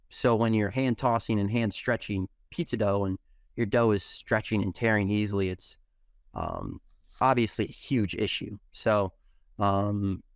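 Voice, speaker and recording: Low, smooth-voiced pizza owner, many ums. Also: male voice, no echo, clean studio sound. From United States. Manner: steady, explanatory, frequent ums. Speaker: pizzeria owner. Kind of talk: casual interview answers.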